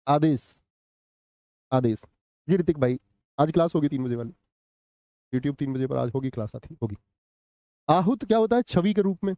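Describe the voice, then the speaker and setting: A man's voice: high-pitched, mellow, no echo. A man teaching a live online Hindi grammar class, asking questions, answering them himself and replying to chat comments. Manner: quizzes students, answers his own questions.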